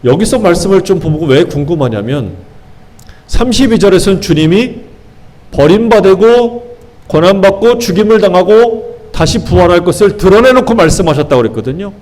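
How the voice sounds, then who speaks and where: A man's voice: high voice, lively intonation, normal speed, darkish tone. A male pastor preaching a sermon, asking the congregation rhetorical questions and stressing phrases by drawing them out.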